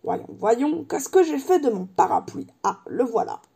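A woman voicing a jovial, friendly giant man who chats heartily, with a dark, husky tone. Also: sits high, very animated, unhurried, pitched above the performer's own voice, full character voice. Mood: cheerful. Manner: hearty and chatty.

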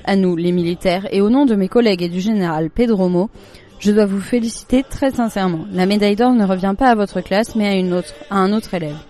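Reader playing a ceremonious, pompous military officer for an audiobook, raised voice, mellow tone. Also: medium pitch, a little fast, lightly acted. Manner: formal, ceremonious speech. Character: pompous army captain addressing schoolchildren.

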